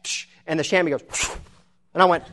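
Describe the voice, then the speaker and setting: A man preaching through a long comic story, self-mocking and animated. His voice sits a little high for a man, and he often laughs at his own tale before turning to the lesson. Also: a little fast, a crowd in the background. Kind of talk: storytelling sermon.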